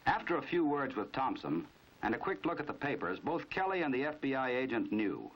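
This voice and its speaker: Narrating a 1950s crime training film, this American man has a medium-pitched, sing-song voice and moves fairly quickly. His manner is knowing and dramatic, the mood wry and measured, and the recording a dull, band-limited 1950s film soundtrack.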